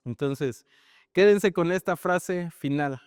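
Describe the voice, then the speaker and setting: Conversational man preaching, smooth voice. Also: fairly high pitch, slow, no room sound, studio quality, big-room sound. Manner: conversational, frequent tag questions, animated storytelling. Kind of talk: sermon.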